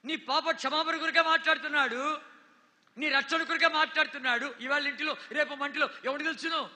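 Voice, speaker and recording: A man preaching an evangelistic sermon and leading an altar call prayer, pleading with fervor and swinging between loud exhortation and hushed prayer. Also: very high voice, fairly even intonation, a little fast, big-room sound. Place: large church hall.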